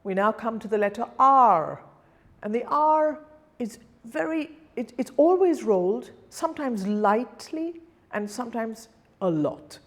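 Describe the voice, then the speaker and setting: A woman teaching singing diction, demonstrating each sound slowly and repeating the example words. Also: on the high side, animated. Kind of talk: pronunciation lesson.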